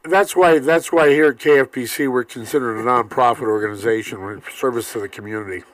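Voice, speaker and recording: A man's voice: medium pitch, a little fast, dry recording. A man hosting a local radio talk show and asking questions in a loose, chatty way. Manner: loose and chatty, lots of fillers. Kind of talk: casual radio interview.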